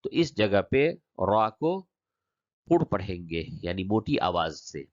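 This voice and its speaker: A man teaching a Quran reading lesson, explaining quickly, then spelling out and chanting words slowly. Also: low voice, very animated, dull audio.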